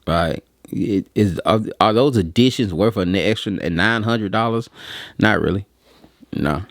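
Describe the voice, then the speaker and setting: With a lowish voice and an unhurried pace, an American video host gives blunt, casual opinions on print equipment, repeating himself for emphasis. The sound is dry and studio quality.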